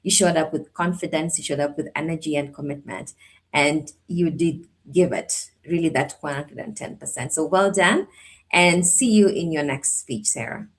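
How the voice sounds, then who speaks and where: Low-voiced woman giving praise. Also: moderate pace. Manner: encouraging, repetitive praise. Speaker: speech evaluator. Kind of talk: speech evaluation. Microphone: video call.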